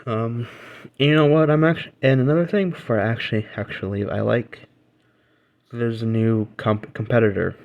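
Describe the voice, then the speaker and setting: A man's voice: medium pitch, moderate pace, creaky, highs cut off. A man hosting his own gaming reaction channel, ranting his opinions casually with many restarts and self-corrections. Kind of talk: casual opinion rant to camera.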